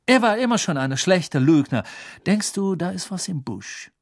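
A man's voice: mid-range voice, big pitch swings, moderate pace, slightly rough, dry recording, studio quality. A man voicing a gushing, spiteful woman reporter in an audiobook, smug and falsely sweet. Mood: gloating.

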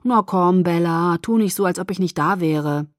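A woman's voice: lowish voice, moderate pace, no echo, studio quality, close to an everyday voice. A woman reading the part of a teenage werewolf boy in a novel, teasing at first, then muttering and sarcastic.

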